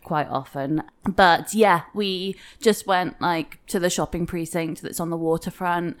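A woman's voice: fairly low pitch, steady tone, unhurried. Easygoing woman podcast co-host. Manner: easygoing, explains with many fillers. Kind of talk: casual chat.

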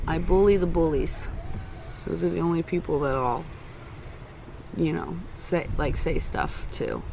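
A woman talking as a podcast guest in a casual outdoor chat, wry and deliberate, speaking slowly to enunciate. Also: deep voice. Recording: outdoor recording with clear background noise.

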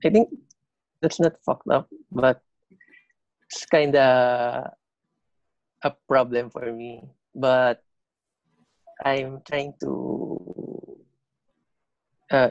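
A man with a slight lisp, a band vocalist chatting as a podcast guest, talking haltingly with many fillers and restarts. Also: mid-range voice, vocal fry, a little mellow, dry recording, lo-fi sound. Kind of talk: casual interview chat.

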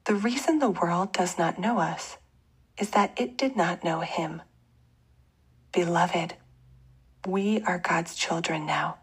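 Soft breathy woman, very slow bedtime prayer. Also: fairly low pitch, low-quality recording. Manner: slow, gentle, measured. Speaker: guided bedtime prayer leader. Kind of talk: guided bedtime prayer and scripture meditation.

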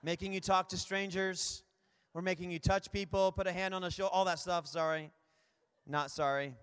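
Male preacher, very high tense voice, calls out to the crowd, church hall echo. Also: normal speed, smooth. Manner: energetic, rambling, calls out to the crowd. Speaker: guest preacher. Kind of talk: lively church sermon. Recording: long hall reverb.

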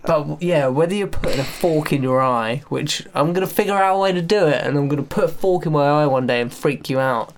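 A man's voice: fairly high pitch, brisk, few pauses. A man co-hosting a casual chat about magic, speaking thoughtfully in long rambling sentences with many restarts. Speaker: podcast co-host, magician.

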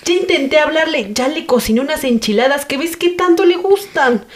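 A woman's voice: sits high, lively intonation, fairly quick. An actress playing a worried, insistent mother who scolds her husband, with a Mexican Spanish accent. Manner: pleading, scolding.

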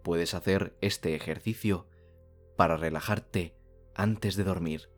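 A man from guides a sleep relaxation in the manner of a sleep story narrator. His delivery is calm and soothing, with long pauses between phrases. Soft music plays behind him. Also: low voice.

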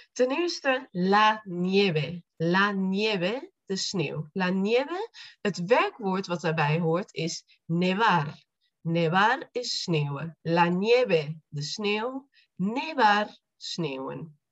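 A woman teaching Spanish in a podcast lesson, explaining slowly and repeating each phrase. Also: mid-range voice, dull audio.

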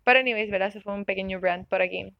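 A woman's voice: mid-range voice, steady tone, rapid-fire, gravelly, no echo. A woman in her thirties hosting a self-help podcast in a chatty, earnest way, often checking in with the listener and laughing. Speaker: podcast host. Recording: dull dry recording.

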